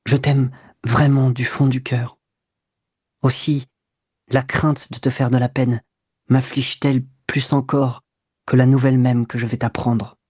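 A woman reads as a young man pleading with his lover in a storybook, his voice slipping into husky whispers. The delivery is slow and mellow, close and dry. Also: very deep voice, dry recording, heavily acted. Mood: troubled.

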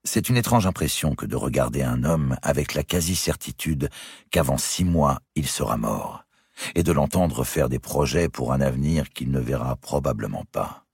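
A man narrates a historical novel in a steady, composed reading. His voice is very deep and husky. It is recorded close in a dry booth. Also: moderate pace, dry recording. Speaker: audiobook reader.

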